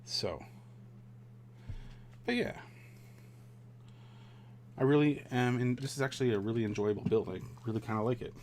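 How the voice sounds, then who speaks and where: A man casually chatting on a live stream while building a model kit, rambling and relaxed with many fillers and restarts. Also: medium pitch, quick pace, few pauses, a little hiss or hum.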